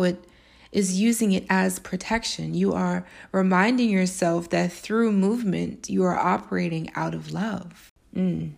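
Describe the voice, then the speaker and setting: Reflective woman with a gravelly edge. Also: mid-range voice. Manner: musing, spiritual, playful asides with laughs. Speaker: podcast host. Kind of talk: reflective solo podcast monologue.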